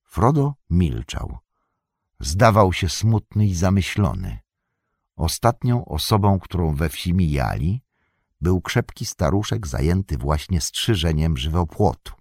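A man narrating an audiobook in a steady, expressive storytelling manner. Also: deep voice, measured pace, breathy edge, no room sound, clean studio sound. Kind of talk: scripted narration.

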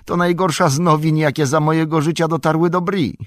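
A man's voice: on the low side, normal speed, no room sound, studio quality, voice pushed up. Butterbur, a man doing a jumpy fussy innkeeper. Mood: fretful. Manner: excitable, fussy and rambling. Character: jumpy talkative middle-aged male innkeeper.

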